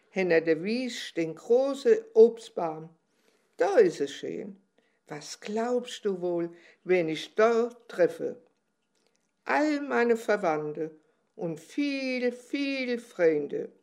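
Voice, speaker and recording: A plump, proud bumblebee, played by a woman reading aloud, gruff and boastful. It speaks slowly at a middle pitch. It is a figure from a children's story. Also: darkish tone.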